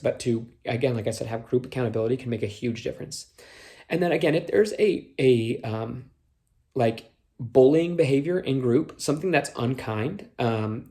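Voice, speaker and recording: A man's voice: mid-range voice, darkish tone. A young man from Minnesota, with a slight Minnesota accent on a few words, giving casual advice on leading youth groups, with lots of fillers and acted-out quotes. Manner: conversational, many fillers, acts out quotes. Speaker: youth small group leader trainer. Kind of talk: casual instructional talk.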